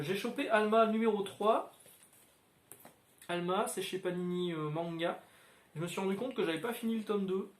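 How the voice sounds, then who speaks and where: A man hosting a casual comics chat, rambling and filling pauses with hesitant sounds. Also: on the high side, slight background noise. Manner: rambling, many filler sounds. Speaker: comics video host. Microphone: standalone microphone. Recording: roomy echoey room.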